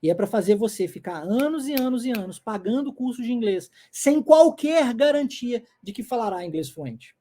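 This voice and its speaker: A man's voice: very high-pitched, expressive, normal speed, hardly any pauses, warm tone. Emphatic Brazilian man teaching English. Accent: Brazilian Portuguese. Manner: emphatic and insistent, repeats English phrases in drills. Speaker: English teacher and language school founder. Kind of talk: video lesson lecture.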